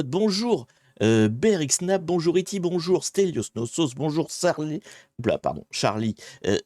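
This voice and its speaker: A man's voice: mid-range voice, a little mellow, no room sound. A man hosting a casual live-stream hacking tutorial, chatty and self-deprecating, greeting viewers and hesitating often. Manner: chatty, rambling, many hesitations.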